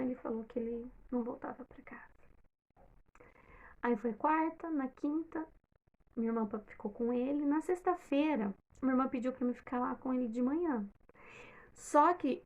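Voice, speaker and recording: A woman's voice: fairly high pitch, gravelly, darkish tone, muffled recording. A Brazilian woman emotionally retelling a personal story, acting out quoted dialogue. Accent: Brazilian Portuguese. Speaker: vlogger.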